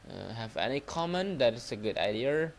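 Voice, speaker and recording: Very animated and marked by vocal fry, the monk's mid-range voice carries a Cambodian accent over slight background noise. He teaches and hosts a livestream, offering an informal motivational lesson in halting, repetitive English with non-native phrasing.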